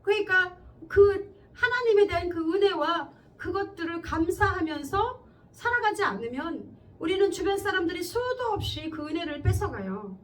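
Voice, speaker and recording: A woman pastor with an extremely high, slightly bright voice preaches a sermon at a moderate pace, her pitch swinging widely. She's conversational, frequently checking in with listeners and acting out quoted speech, recorded in a church on a distant mic with faint background noise.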